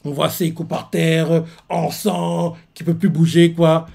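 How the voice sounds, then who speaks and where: A man's voice: fairly high pitch, little pitch movement, takes it slowly, gravelly, warm tone. A man casually recapping a manga chapter as a reaction host, rambling with many restarts. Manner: rambling, with constant filler tags and restarts.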